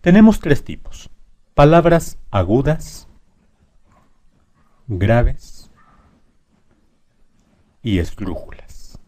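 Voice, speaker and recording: A man's voice: mid-range voice, very animated, drawn-out words, long pauses, a little mellow. A man teaching a lesson, stressing syllables emphatically and drawing out example words. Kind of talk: explanatory lesson.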